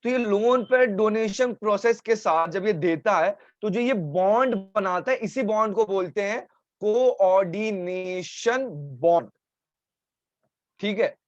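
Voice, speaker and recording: A man teaching a chemistry class live online in Hindi, explaining step by step and pausing to answer student questions, with a sore throat. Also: high voice, no room sound, highs cut off. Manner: talks to students, breaking off to answer chat complaints. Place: home, streaming over mobile data.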